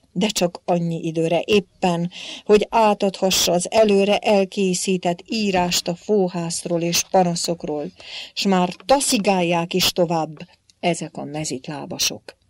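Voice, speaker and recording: A woman reading as a defiant, blustering old Hungarian warrior-king saint, speaking loudly in archaic phrases. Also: lowish voice, no echo, close to an everyday voice. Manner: loud, blustering, archaic speech.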